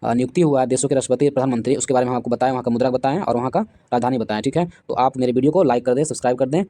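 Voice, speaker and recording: Fast-talking man drilling exam facts. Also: medium pitch, steady tone, mellow, dry recording. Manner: drills facts with repeated quiz questions; slows down to spell out names. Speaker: current affairs teacher. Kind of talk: exam-prep lesson.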